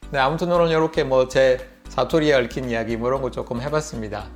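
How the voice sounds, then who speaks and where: Faint music plays behind this middle-aged man as he chats to the camera at a fairly quick clip. His voice sits at medium pitch, and his Busan Gyeongsang Korean accent colors a casual vlog story full of laughter.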